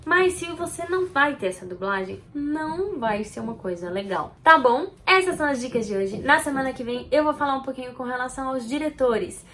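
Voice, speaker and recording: A woman with a Brazilian Portuguese accent, a video editor talking straight to camera and giving lively, expressive tips to viewers. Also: high-pitched, brisk, hardly any pauses, a little hiss or hum. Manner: expressive, animated, addresses viewer directly. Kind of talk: direct-to-camera tutorial.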